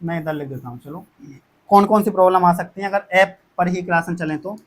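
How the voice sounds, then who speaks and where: A man with a notably high-pitched voice speaks to his students like a teacher. He explains plans step by step, often circling back and repeating himself to reassure them. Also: brisk. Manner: repetitive, reassuring, addresses students as kids. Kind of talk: explaining course fees to students.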